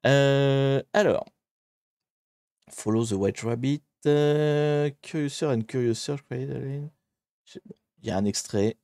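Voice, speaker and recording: Man, casual live-stream commentary, chatty and rambling, dry close sound, mid-pitched voice. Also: slow, pauses often, a little mellow, dry recording. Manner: chatty, rambling, self-interrupting. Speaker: livestreamer doing a hacking challenge.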